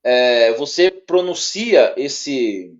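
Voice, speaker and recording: A man with a Brazilian Portuguese accent teaching a one-on-one lesson. He talks haltingly, repeats words and checks in often. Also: mid-range voice, expressive. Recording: dull lo-fi sound.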